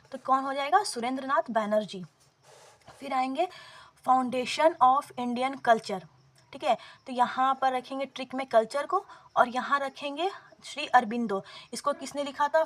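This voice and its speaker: A woman explaining memory tricks in a casual, conversational lesson, often pausing with fillers and checking in with "theek hai". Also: a little high, fairly bright tone. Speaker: exam-prep tutor.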